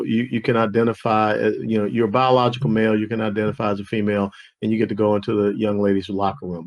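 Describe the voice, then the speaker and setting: Man hosting joking political commentary. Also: on the low side. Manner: joking, folksy, mocking asides. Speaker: host and executive director.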